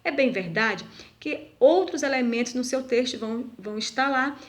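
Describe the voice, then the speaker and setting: A woman teacher giving a recorded video lesson to schoolchildren, speaking slowly and deliberately and asking the pupils questions. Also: sits high. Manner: slow, deliberate, asks pupils rhetorical questions.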